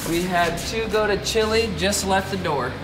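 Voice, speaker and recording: A warehouse worker answering questions with brief, matter-of-fact replies. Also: male voice, high voice, normal speed, noisy background. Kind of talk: casual chat. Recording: echoey warehouse from off-mic.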